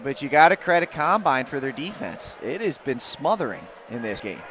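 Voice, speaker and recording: A man giving color commentary on a live high school basketball game, breaking down strategy like a coach. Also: big pitch swings, moderate pace, fairly bright tone, a little hiss or hum. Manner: analytical, coaching-minded remarks.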